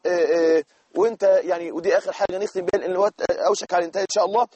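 A high, husky male voice with an Egyptian accent, preaching at a quick clip. He speaks straight to the listener in an earnest, exhorting way. The sound is close and dry, with no room around it. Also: steady tone, a little mellow, dry recording. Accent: Egyptian Arabic. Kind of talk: sermon.

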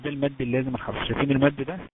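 A man's voice: medium pitch, flat delivery, crowd noise. A man with an Egyptian accent teaching Quran recitation rules in an online lesson, explaining step by step and quizzing his students. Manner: explains step by step, asks students questions, drawn-out chanted examples. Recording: tinny noisy phone-like line.

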